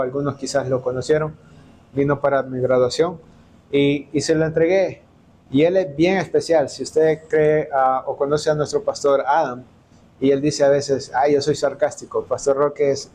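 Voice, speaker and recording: A man's voice: a little high, a little mellow, slight background noise. A man from El Salvador preaching in church, telling personal stories and acting out the dialogue. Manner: storytelling, acts out quoted dialogue. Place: church hall.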